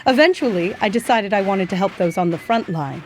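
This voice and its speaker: A woman's voice: mid-range voice, animated, brisk, slight background noise, lightly acted. A woman playing gracious Clara Barton. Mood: earnest. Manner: genteel, calls listener "my dear" and "darlings". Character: gracious historical woman nurse, kindly and proud. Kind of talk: scripted educational acting.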